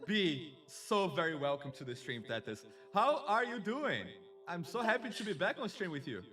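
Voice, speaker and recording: A man's voice: high-pitched, big pitch swings, moderate pace, sharp tone, recorded from a distance, faint music behind. A man hosting a casual live stream, chatty and effusive, greeting viewers and a co-host.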